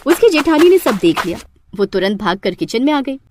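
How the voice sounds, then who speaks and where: A woman's voice: a little high, sing-song, fairly quick, noisy background. A woman narrating a scripted story.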